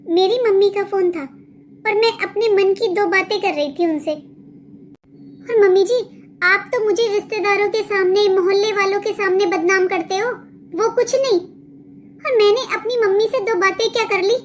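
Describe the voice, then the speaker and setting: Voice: extremely high pitch, fairly even intonation, moderate pace, a little hiss or hum. A voice actor playing a young village daughter-in-law in a cartoon, complaining and defiant. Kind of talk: cartoon dubbing.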